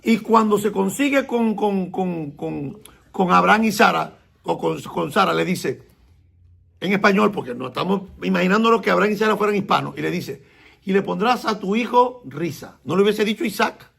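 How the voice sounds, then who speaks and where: A man's voice: high voice, expressive, creaky, fairly bright tone, husky. A man, a messianic rabbi, teaching a sermon and questioning the congregation as he explains. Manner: explains slowly and repeats words, asks the congregation questions.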